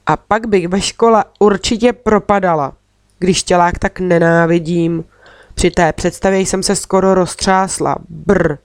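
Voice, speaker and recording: A woman reads a children's storybook aloud in a steady, expressive way, close to the mic. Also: on the low side, no echo. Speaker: audiobook reader.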